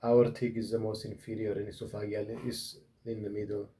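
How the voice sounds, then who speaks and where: A man's voice: fairly low pitch, flat delivery, brisk, mellow, slight background noise. A man hosting a casual study chat. He talks hesitantly, restarts his sentences and teases his partner. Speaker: student and podcast host.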